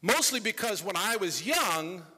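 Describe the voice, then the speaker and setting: Thirties man, bright and animated, conversational preacher, echoing church hall. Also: sits high, measured pace. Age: 30s. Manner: reflective, conversational storytelling. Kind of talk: sermon. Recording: long reverb of a church hall.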